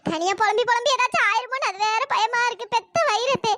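A worried woman fretting over a relative who has been left alone, voiced by a performer. She speaks earnestly in a very high cartoon voice. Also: fast talker, pushed and bright, a little hiss or hum. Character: worried woman caring for a family.

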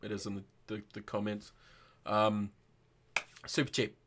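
A young adult man hosts a casual livestream chat over video call from an indoor room, talking informally and with swearing. His lowish voice holds a level tone at a measured pace, against a noisy background.

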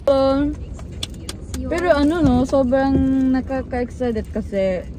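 A woman's voice: sits high, animated, slow, a little hiss or hum. A young woman in her twenties chatting casually for a vlog on a phone inside a car. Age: 20s. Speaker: vlogger and performer. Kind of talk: casual vlog chat mixing languages. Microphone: phone held at arm's length. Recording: loud music behind the talk. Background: music, car sounds.

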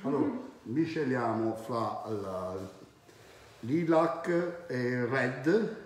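A man in his forties explains his salon work in a casual, halting way. He talks slowly at an average pitch. The room is very echoey, with faint noise behind him. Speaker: hairdresser. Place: indoor hair salon. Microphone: phone held a short distance away.

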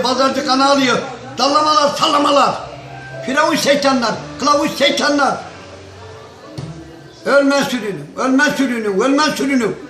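A fiery older man rails in a strikingly high, piercing voice, hurling insults and chanting repeated lists. His voice rings with echo, and a crowd murmurs behind him. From Turkey. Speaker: local villager commenting on politics. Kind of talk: angry political rant. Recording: echoey, crowd audible behind.

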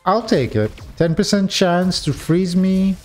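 A young man giving casual gameplay commentary, talking straight to his viewers with frequent excited exclamations. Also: high-pitched, measured pace, faint music behind.

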